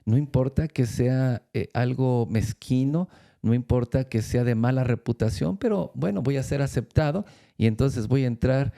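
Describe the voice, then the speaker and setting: A man giving a faith-based talk, telling a story with frequent pauses, fillers and restarts. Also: mid-range voice, vocal fry, warm tone. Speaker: church speaker.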